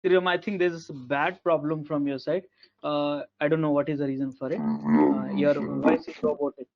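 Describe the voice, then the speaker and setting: A man teaching an online class over a video call, halting and repetitive with many fillers, heard through low sample rate audio. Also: animated, dull audio. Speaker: instructor.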